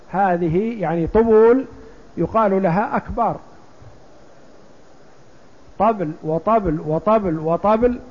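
An older man explaining a religious text, slowly and deliberately, asking rhetorical questions. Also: high voice. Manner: slow, deliberate, drawn-out examples, rhetorical questions. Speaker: sheikh teaching a fiqh text. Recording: dull lo-fi lecture recording.

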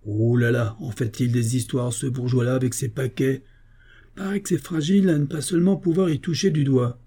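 Man voicing a drunk mover, grumbling, slack working-class talk, husky, dark tone. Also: medium pitch, steady tone, normal speed, voice pushed up. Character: mover, tall blond half-drunk workman.

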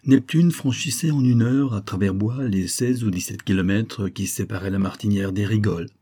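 A man reading a classic novel aloud as an audiobook narrator, in a measured way that lifts his voice for the dialogue. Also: fairly low pitch, warm tone, breathy edge.

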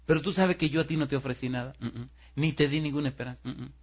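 A man's voice: mid-range voice, steady tone, very fast, voice pushed up, close to an everyday voice. A pastor voicing a young woman who presses and pleads, with a slightly raised voice. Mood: pleading. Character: young woman, insistent and emotional. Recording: muffled lo-fi recording.

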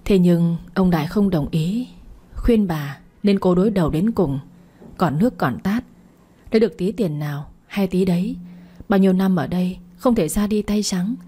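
Woman reading a family drama story, low voice, kinda husky. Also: moderate pace, dark tone. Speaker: narrator. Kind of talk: scripted dramatic narration.

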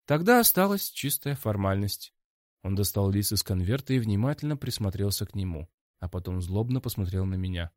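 Calm man narrating an audiobook. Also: low-pitched, a little fast, no room sound, clean studio sound.

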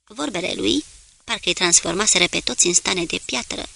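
Woman reading a novel out loud, steady pace, bright kinda crisp tone, some vocal fry. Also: fairly low pitch. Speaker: audiobook narrator. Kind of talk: scripted narration of a novel.

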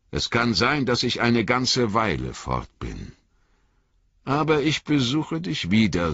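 Guy voicing a grave old wizard in an audiobook, slow deliberate warnings, dry close sound. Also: deep voice, vocal fry, a bit bright, husky, dry recording, voice pushed up, heavily acted. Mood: cautious. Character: old male wizard, grave, cautious and wise. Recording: dull lo-fi audiobook recording.

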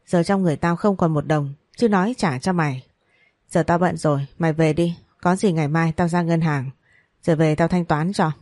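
A woman's voice: sits low, fairly even intonation, normal speed, a little mellow, dry recording, studio quality. A woman voicing a harsh, stingy older male factory boss who scolds curtly. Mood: harsh scolding. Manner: curt, scolding.

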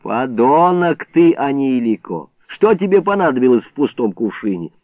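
A man voicing a gruff, bullying old village man who shouts threats, in a tinny phone-like recording. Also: mid-range voice, very animated, normal speed, dry recording, close to an everyday voice. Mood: mocking. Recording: tinny phone-like band, dry.

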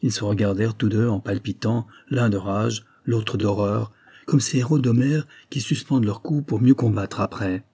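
A man narrating a classic novel as an audiobook, reading in a measured, steady way. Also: fairly low pitch, husky.

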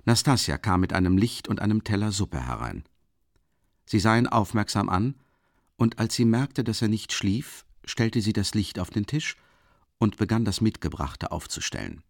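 A man with a fairly low voice narrating an audiobook in an even, measured way. The sound is dry and close, with no room echo. It has the steady pace of scripted narration from a recording studio. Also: creaky.

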